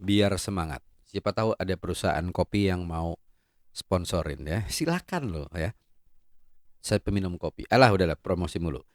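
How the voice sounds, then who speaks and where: A man's voice: deep voice, expressive, normal speed, no echo. A man hosting a casual product review in a playful, joking, chatty way. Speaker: host and gear reviewer.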